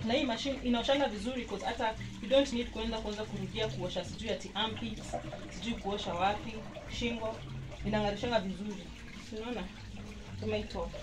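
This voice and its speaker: Fast-talking, with a mid-range voice and steady tone, this Kenyan vlogger records a casual how-to on her handheld phone in her small home laundry area. She chats away, mixing Swahili and English and pointing things out, while running water makes the recording noisy.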